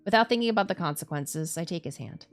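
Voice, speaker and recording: Expressive low-voiced woman streamer. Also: fast talker, faint music behind. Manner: expressive, candid, profane. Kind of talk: visual novel read-aloud with casual reactions.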